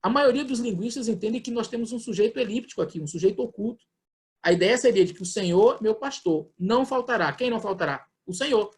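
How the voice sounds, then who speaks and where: A man's voice: high-pitched, fast talker, a little mellow. A man with a Brazilian Portuguese accent, a pastor explaining scripture in an online Bible study and acting out people's questions. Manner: explanatory, acts out questions in quoted voices.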